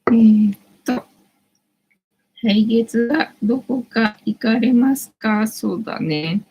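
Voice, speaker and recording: Husky, gravelly middle-aged woman chatting. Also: on the high side, takes it slowly, warm tone, rough recording. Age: late 40s. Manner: rambling, chatty, frequent fillers. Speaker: livestream host. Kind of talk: casual livestream chat. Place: at home.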